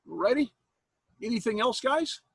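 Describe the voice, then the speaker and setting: A male college instructor in his sixties from Iowa, USA, chats casually with students after an online class, speaking from home over a video call. His husky, higher voice is expressive and a little slow, folksy and joking, with frequent laughter. The computer mic captures him close and dry, with no echo.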